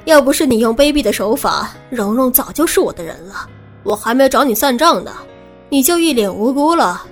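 A woman's voice: sits high, lively intonation, fairly quick, soft background music. A woman playing a cocky, swaggering young man. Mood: indignant. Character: cocky, cunning young man, boastful and teasing. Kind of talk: audiobook character reading.

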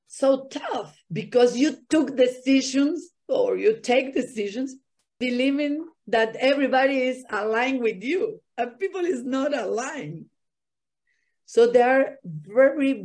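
On a podcast interview, a female guest from Argentina talks sincerely in non-native English shaped by her Argentine accent and native Spanish. Her pitch is medium and her tone slightly mellow.

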